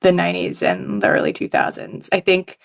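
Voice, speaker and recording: A Hong Kong journalist guesting on a podcast talks casually, full of fillers and frequent laughs. Her lowish voice has vocal fry, lively intonation, and a fairly quick pace.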